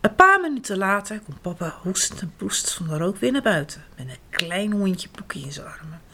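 A woman reading a children's story aloud, expressive and animated. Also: mid-range voice, fairly quick, breathy edge. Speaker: narrator.

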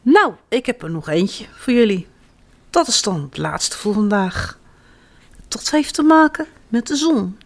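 A woman reading children's stories aloud in an expressive, sing-song way as storyteller. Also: medium pitch, a little slow.

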